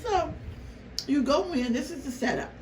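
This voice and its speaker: A woman vlogger telling a story casually to her viewers, animated and exasperated, with rhetorical questions. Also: sits high, moderate pace. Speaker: mukbang vlogger. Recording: roomy, noisy, distant microphone.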